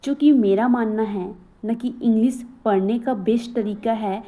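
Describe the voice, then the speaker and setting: A woman's voice: a little high, mellow, rough recording. A woman teaching an English phonics lesson, asking questions and answering them herself, with encouraging asides. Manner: slow, drilling questions and repeating answers; breaks into recited motivational verse.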